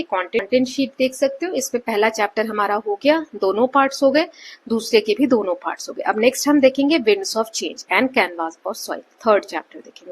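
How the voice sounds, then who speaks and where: A woman explaining a textbook lesson as a teacher, with an Indian accent. She goes slowly line by line and keeps checking in with her students. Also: fairly high pitch, breathy edge. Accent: Indian English.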